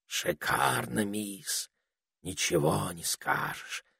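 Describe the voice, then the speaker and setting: A man voicing an awed, humble male companion in an audiobook, speaking softly and reverently. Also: mid-range voice, expressive, moderate pace, breathy edge, dry recording, clean studio sound, pitched above the performer's own voice. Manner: soft, reverent.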